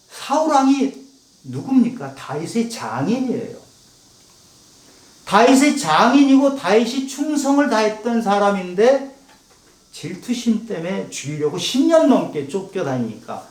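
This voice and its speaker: Animated pastor preaching in an echoey hall. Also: male voice, high voice. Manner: animated, acts out heated prayers to God; asks the congregation questions. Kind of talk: sermon. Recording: echoey room, voice from a distance.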